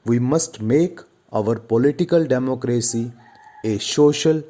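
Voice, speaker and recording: A man reading a slow school dictation for shorthand practice, in short measured phrases with deliberate pauses. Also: medium pitch, warm tone. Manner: measured, deliberate, pausing after every few words.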